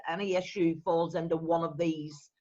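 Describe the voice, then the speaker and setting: A woman's voice: on the low side, steady tone, moderate pace, a loud crowd. Woman host, bubbly and upbeat, dull lo-fi video-call sound. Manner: bubbly and enthusiastic, laughs easily. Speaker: interview show host. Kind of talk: casual interview. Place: home, over a video call.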